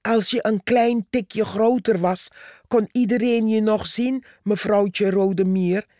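Storybook: woman voicing a proud male tree, condescending and slow. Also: medium pitch, animated, a little mellow, no room sound, clean studio sound. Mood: mocking. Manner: condescending, scornful. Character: boastful haughty male purpleheart tree.

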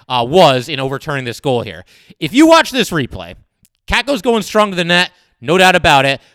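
Young male podcaster, solo analysis, emphatic with fillers, smooth and slightly high voice. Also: no echo, studio quality. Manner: animated, emphatic, many fillers. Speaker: sports podcast host.

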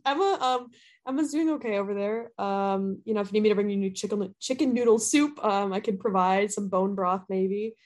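A woman's voice: mid-range voice, brisk, darkish tone. A woman in her early twenties from the US Midwest, co-hosting a casual, slangy podcast over a computer video call. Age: early 20s. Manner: giggly, profane, slangy. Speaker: podcast co-host.

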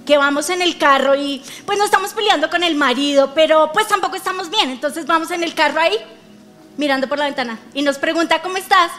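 High-voiced woman preaching. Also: a little fast, faint music behind. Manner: animated storytelling, talks straight to the congregation. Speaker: pastor. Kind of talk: lively sermon with acted-out dialogue. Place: church.

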